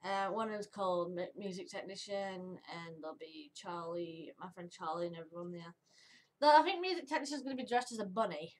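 A woman's voice: on the low side, lively intonation, a little fast. A woman chatting casually to camera for her vlog, giggly and upbeat. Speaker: vlogger.

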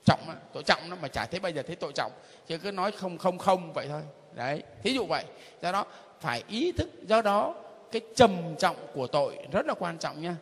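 A man's fairly high, husky voice rings through a hall with a long echo as he teaches like a priest. He is middle-aged and emphatic, hammering phrases again and again and chuckling between points. His pitch swings widely from line to line. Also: big pitch swings, brisk. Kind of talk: informal catechism teaching.

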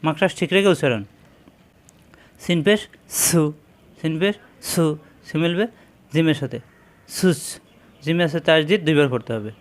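A man teaching Quran letter pronunciation in a slow, deliberate lesson, drilling each syllable and repeating it. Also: on the high side. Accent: Bangladeshi Bengali.

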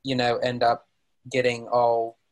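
A man chatting casually as a podcast panelist, with a hesitant, halting delivery. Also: mid-range voice, completely flat delivery. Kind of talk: casual chat.

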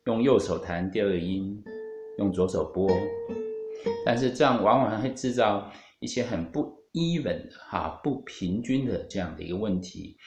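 A man's voice: lowish voice, animated, moderate pace, a little mellow. A man with a Taiwanese Mandarin accent teaching a guitar lesson, explaining patiently with many fillers and English music terms. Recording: roomy, guitar playing at times.

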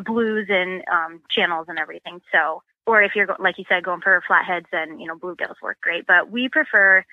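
As a guest on the show, a sponsored catfish angler talks through rigs and bait practically and chattily, her speech packed with fillers like "um" and "you know." Her voice is fairly low-pitched, and the audio is dull with no room sound.

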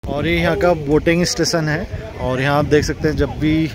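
A man's voice: a little high, fairly even intonation, normal speed. A man in his thirties with an Indian accent, giving chatty tour-guide commentary for a travel vlog, filmed on a phone held at arm's length. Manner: chatty tour-guide commentary, mixing English words into Hindi. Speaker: travel vlogger host. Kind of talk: casual travel vlog narration. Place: in a car, then outdoors by a lake and inside a wooden club. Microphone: phone camera at arm's length. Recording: noisy phone recording with car and street noise.

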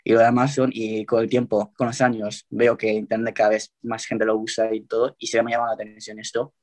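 Relaxed young Spaniard, flat low voice. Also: male voice, fairly quick. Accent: Spain Spanish. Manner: relaxed, rambling with fillers. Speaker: guest tiktoker. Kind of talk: casual interview talk.

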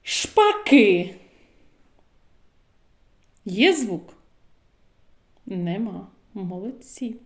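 Slow sing-song woman teaching children. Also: medium pitch, sing-song. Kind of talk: phonics lesson for young children.

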